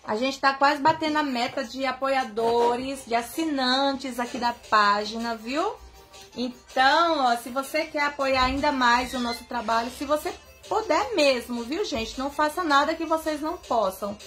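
Her phone camera is held at arm's length as she sits on her bed, a young Brazilian singer from Bahia hosting a relaxed live stream. She speaks at a measured pace in a high voice, affectionately calling out viewers by name over soft background music.

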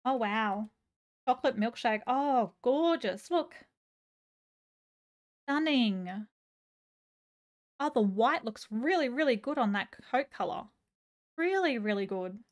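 A woman live streamer chatting casually and gushing as she reads chat aloud. Her voice is going a little hoarse. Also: fairly high pitch, expressive, takes it slowly, long pauses.

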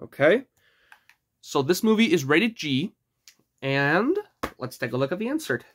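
A man's voice: a little high, sing-song, a little slow, fairly bright tone, a little hiss or hum. A man casually reviewing a DVD for his channel, chatty and eager as he points out what he is showing.

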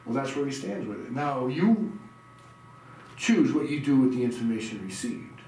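A man's voice: medium pitch, lively intonation, moderate pace, darkish tone, far from the mic. A middle-aged man as pastor delivering a sermon in a small church room, reading scripture aloud and quizzing the audience. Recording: very echoey room, heard from afar, noisy.

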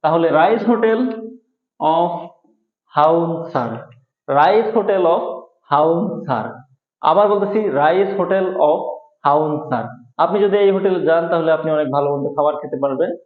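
A man teaching a grammar lesson, explaining slowly and repeating each rule. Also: sits high. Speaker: English teacher. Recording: echoey room over a thin phone-like line.

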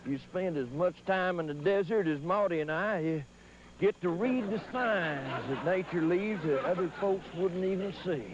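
An actor playing a folksy, cantankerous old prospector who rambles in a comedy sketch. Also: male voice, sits high, moderate pace, noisy background, lightly acted. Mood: wistful, folksy. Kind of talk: mock documentary comedy sketch. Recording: muffled old VHS tape, music behind.

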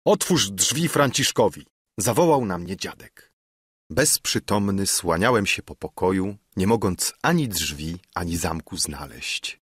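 A man reading a novel aloud as a first-person narrator, with an expressive, emotional delivery. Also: low voice, measured pace, husky, no room sound, clean studio sound. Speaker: audiobook narrator.

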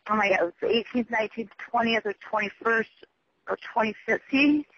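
Man, high voice, rambling answering machine message, halting, scattered, sweary, dull lo-fi phone sound. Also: dry recording. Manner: rambling, halting, often losing the thread, swearing. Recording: dull lo-fi telephone voicemail recording.

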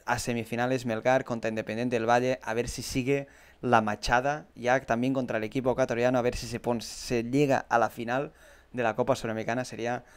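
A young man with a Spanish accent from Spain, giving an excitable, swearing live reaction to a football penalty shootout. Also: mid-range voice, smooth.

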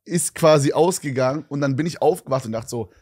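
A young man co-hosts a podcast and tells a long anecdote in rambling, slangy chat. His voice sits at a middle pitch. The recording is dry and close. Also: fairly quick, dark tone, husky, dry recording. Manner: rambling, slangy, laughs a lot. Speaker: podcast co-host. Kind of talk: casual chat. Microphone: studio podcast mic.

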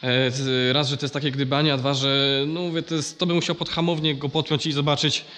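A man's voice: medium pitch, level tone, fairly quick, fairly bright tone. A man with a nasal, congested voice from a blocked nose, explaining farm machinery in a casual, hesitant vlog style. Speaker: vlogger.

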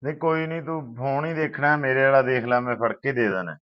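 A man with a Punjabi accent playing a calm, easygoing elder brother who soothes his sister. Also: mid-range voice, brisk, natural voice. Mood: placating. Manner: soothing, placating. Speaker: elder brother in a family drama. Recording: dull lo-fi sound.

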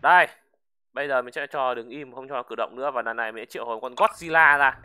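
An excitable game commentator, calling out the action and yelling wow. Words come in repeated bursts. There is steady noise clearly audible in the background. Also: mid-range voice, fast. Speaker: gaming channel host.

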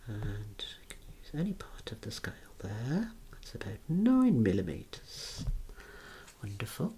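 A man whispering softly through a clinical ASMR role-play, giving slow, careful instructions and gentle praise as he demonstrates eye and head measurements. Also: medium pitch, wildly swooping pitch, slight background noise.

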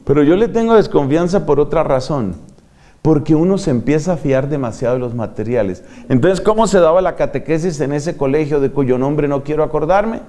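Animated older friar preaching. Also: male voice, fairly high pitch, a little fast. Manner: animated, dramatic, acts out examples. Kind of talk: sermon to religious.

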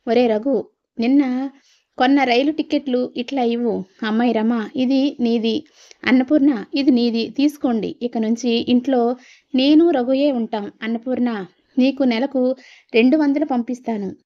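A woman's voice: on the high side, fairly even intonation, normal speed, muffled recording, close to an everyday voice. A woman voicing a stern, fed-up older husband who lays down the law firmly to his wife. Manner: firm, scolding.

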